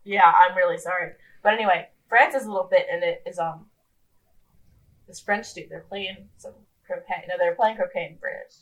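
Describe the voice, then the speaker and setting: A woman's voice: on the low side, normal speed, poor audio. Rambling young woman podcast host. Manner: rambling, self-deprecating, many ums and restarts. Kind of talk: casual chat.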